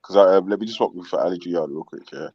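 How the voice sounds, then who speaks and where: A man's voice: sits low, animated, fast talker, vocal fry, dark tone, no room sound, lo-fi sound. A man with a London roadman accent, hosting a casual online panel in street slang. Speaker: panel host.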